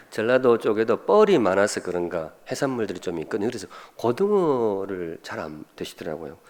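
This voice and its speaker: Joking Gyeongsang-accented pastor. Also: male voice, medium pitch. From Gyeongsan, South Korea. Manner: humorous, asks the congregation questions. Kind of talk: sermon.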